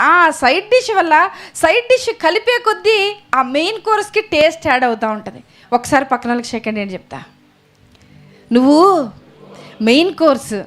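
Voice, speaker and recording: High-voiced woman preaching a sermon. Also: a bit bright. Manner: calls out hallelujah, asks the congregation questions. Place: church service.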